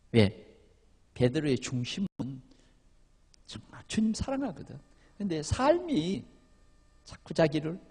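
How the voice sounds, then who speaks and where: Male preacher delivering a sermon, emphatic, with a raised, husky voice and long hall reverb. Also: on the high side. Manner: emphatic preaching with sudden loud and quiet turns. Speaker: pastor. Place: church sanctuary.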